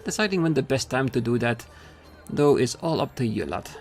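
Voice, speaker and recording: A man's voice: medium pitch, expressive, a little fast, faint music behind, lightly acted. A man voicing a brusque middle-aged market trader with a put-on Scottish accent, giving blunt instructions sprinkled with dialect words. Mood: brisk.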